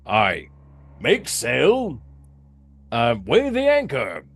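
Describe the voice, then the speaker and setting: A man's voice: medium pitch, huge pitch swings, extremely slow, husky, exaggerated voice. A man voicing an eager, awkward male ship's mate who barks out orders and hopes for approval.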